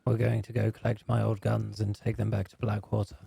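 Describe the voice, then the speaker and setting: A man speaking in character in a roleplay game, calm, firm and matter-of-fact. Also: fairly low pitch, a little fast, vocal fry, slightly rough. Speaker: roleplay gamer.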